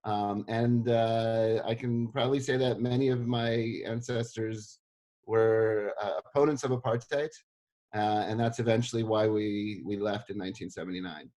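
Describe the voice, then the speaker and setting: A middle-aged man from South Africa, talking casually in an interview, relaxed and self-deprecating with many fillers. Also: on the low side, moderate pace. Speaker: history professor interviewed.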